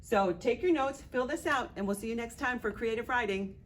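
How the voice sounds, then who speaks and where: A woman teaching an online lesson for young children, talking gently and asking simple questions as she draws. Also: on the high side, a little hiss or hum. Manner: gentle, slow, questioning while drawing.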